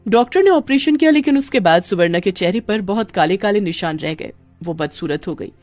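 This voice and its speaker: A woman's voice: mid-range voice, expressive, fairly quick, darkish tone, dry recording, faint music behind. Dramatic Hindi story narrator, woman. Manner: dramatic, voices the characters.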